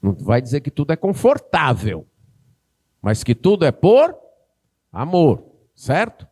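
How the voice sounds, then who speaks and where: A man's voice: fairly high pitch, wildly swooping pitch, unhurried, a little mellow. A man with a Northeastern Brazilian accent, a pastor preaching a sermon, who acts out a parent and child in a raised voice.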